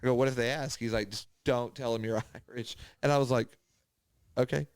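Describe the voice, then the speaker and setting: This podcast host is a man with a smooth, medium-pitched voice talking fairly quickly, retelling anecdotes in casual chat with animated, acted-out quotes and free swearing. The sound is clean studio audio with no echo.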